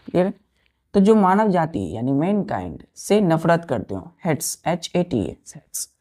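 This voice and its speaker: A woman's voice: lowish voice, sing-song, a little slow, warm tone. A woman teaching an English vocabulary lesson to students, spelling out words letter by letter and often checking that they follow. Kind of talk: slow classroom vocabulary lesson.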